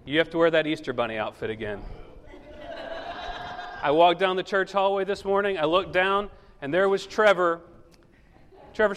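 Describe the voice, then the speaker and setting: High-voiced pastor in a reverberant hall. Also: male voice, fairly bright tone. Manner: storytelling with humor, acting out quoted voices. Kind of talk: sermon. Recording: long reverb of a large hall.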